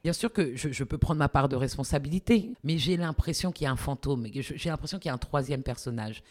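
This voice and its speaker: A man's voice: mid-range voice, lively intonation, quick pace, a little mellow. A man giving a reflective personal testimony, searching for his words.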